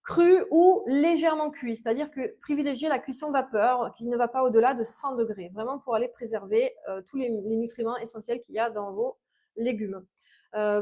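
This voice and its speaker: A woman's voice: a little high, a little mellow. A woman with a Mediterranean French accent giving casual health and diet advice as a naturopath, talking freely with many fillers and restarts and checking in with "ok?". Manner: chatty, many fillers and restarts, stresses points with "ok?". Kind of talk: informal health advice video.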